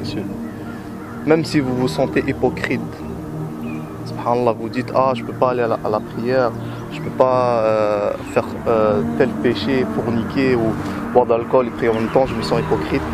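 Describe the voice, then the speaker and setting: Guy from algeria telling his story, kinda halting, repeats himself, loud music under it. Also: mid-range voice. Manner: hesitant, repeats words while searching for phrasing. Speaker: interviewee. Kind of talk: personal testimony.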